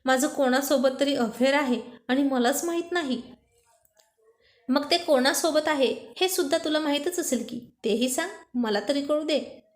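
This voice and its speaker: A woman's voice: high voice, normal speed, roomy sound, voice pushed up, close to an everyday voice. Woman reading as an affectionate young husband. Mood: incredulous.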